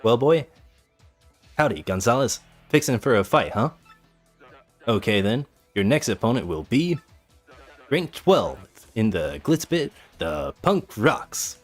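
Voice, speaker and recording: A man voicing a gruff older male fight-club manager with a Texan accent and a folksy drawl. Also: medium pitch, sing-song, slow pace, long pauses, soft background music. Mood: bossy.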